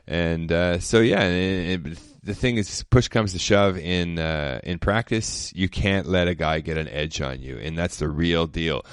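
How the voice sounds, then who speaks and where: Low-voiced guy rambling through old football stories, lots of you-knows, dry sound. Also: a little slow, few pauses, clear, resonant tone, no echo. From Canada. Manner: rambling, laid-back, frequent fillers. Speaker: former pro football player, guest. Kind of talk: casual storytelling chat.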